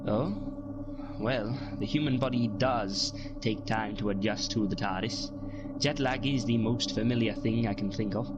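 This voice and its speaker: An actor playing the Seventh Doctor, an eccentric, secretive older alien time traveller who speaks in hesitant, theatrical phrases in an audio drama. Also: male voice, fairly low pitch, measured pace, dull audio, over loud music, natural voice. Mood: coaxing.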